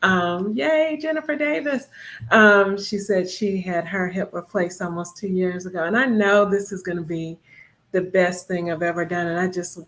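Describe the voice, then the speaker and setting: A woman in her fifties co-hosting a casual talk show, a little out of breath, chatty and quick to laugh. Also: lowish voice, fairly bright tone. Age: 50s. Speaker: co-host.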